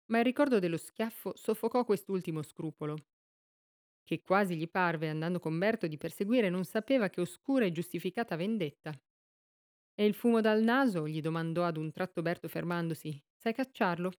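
Lady reading a novel out loud, kinda low voice, calm steady pace. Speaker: audiobook reader.

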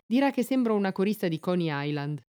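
A woman's voice: medium pitch, lively intonation, fast talker, warm tone, natural voice. A woman voicing an anxious young wife who pleads earnestly and tenderly.

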